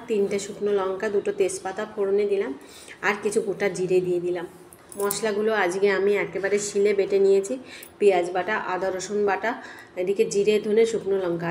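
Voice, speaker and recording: A middle-aged woman, hoarse from a cold, chatting homely to viewers as she cooks fish in her kitchen. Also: mid-range voice, darkish tone, a little hiss or hum. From Bengal. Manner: chatty, homely, talks to viewers while cooking. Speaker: cooking vlogger. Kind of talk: casual cooking commentary. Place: home kitchen.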